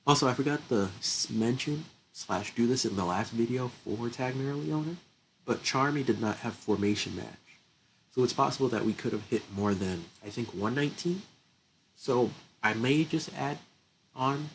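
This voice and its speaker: With a medium-pitched voice at normal speed, a young gaming channel host chats casually over his gameplay, often laughing and thinking out loud. He's stuffed up and appears to be falling ill. A slight hiss or hum runs through the low-quality recording.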